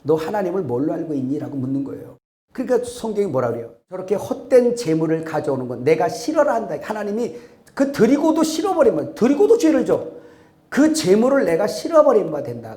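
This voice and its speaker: A man preaching a sermon as pastor. He is impassioned and swings from loud exclamations to hushed asides. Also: high voice. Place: church sanctuary. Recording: echoey church hall.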